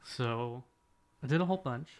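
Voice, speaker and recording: A young man in his twenties with a gravelly, creaky voice, talking casually as a podcast co-host. He rambles through stories with self-deprecating humor and laughs often. His pitch sits in an ordinary middle range. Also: lively intonation, normal speed. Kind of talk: casual chat.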